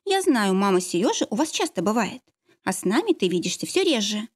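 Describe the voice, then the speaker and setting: A woman's voice: medium pitch, very animated, a little fast. A woman voicing a worried, loving middle-aged mother in an audiobook, speaking in a fussing, soothing way. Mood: tender. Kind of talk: audiobook character reading.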